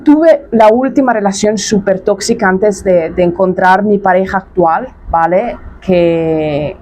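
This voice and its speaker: Blunt coach in her thirties, a woman of middle pitch who hammers her points home with casual slang. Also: unhurried, a little mellow. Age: 30s. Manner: emphatic, repetitive, slangy and blunt. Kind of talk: casual spoken monologue to camera.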